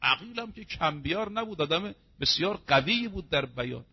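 A man preaching a sermon in an emphatic, rhetorical way, piling up examples in quick runs. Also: a little high, lively intonation, slightly rough, muffled recording.

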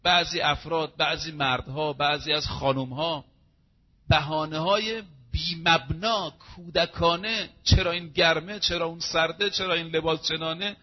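A man preaching a sermon in an emphatic, rhetorical way, piling up examples in quick runs. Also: on the high side, steady tone, muffled recording.

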